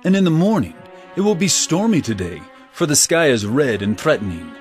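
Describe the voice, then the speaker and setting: An actor playing Jesus as a grave, commanding teacher, speaking with solemn, earnest emphasis. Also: male voice, on the high side, very animated, fairly quick. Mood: stern. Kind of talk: audio drama acting. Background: guitar music.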